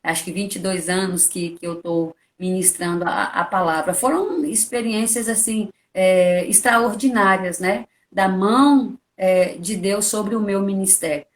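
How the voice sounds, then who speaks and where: A middle-aged woman preacher giving a conversational testimony and teaching, full of rhetorical questions and sudden emphatic high stresses. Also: fairly even intonation, a little slow, hardly any pauses. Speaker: preacher, guest.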